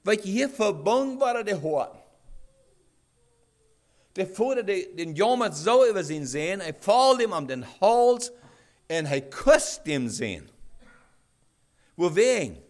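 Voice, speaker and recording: A man delivers a sermon in a voice set a little high. His pitch rises and falls in animated swings. He talks haltingly, restarting phrases and asking his listeners rhetorical questions. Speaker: preacher.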